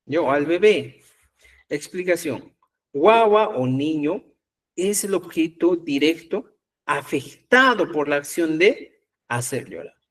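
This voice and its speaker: A male language teacher who speaks slowly and patiently, stopping to check that everyone follows. His voice sits a little high for a man. He is recorded from some distance away from the microphone. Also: lively intonation, a bit bright. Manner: patient, explains step by step with frequent checks like "¿ya?". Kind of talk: online class explanation.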